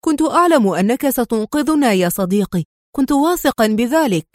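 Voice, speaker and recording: A woman's voice: a little high, lively intonation, a little fast, darkish tone, no echo, studio quality, natural voice. A woman voicing a loyal male friend who speaks with heat and earnestness. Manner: heated and earnest.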